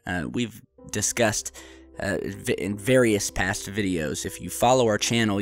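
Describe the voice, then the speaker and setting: A man's voice: fairly low pitch, a bit bright. A man with a congested, sick voice hosting a vlog, talking conversationally with frequent "uh" fillers. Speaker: host. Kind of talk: casual vlog narration.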